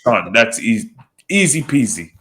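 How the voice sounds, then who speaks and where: A man's voice: mid-range voice, sing-song, normal speed, a bit bright, husky. A man co-hosting a podcast, talking in a loose, joking way with some swearing. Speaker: podcast co-host. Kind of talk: casual chat.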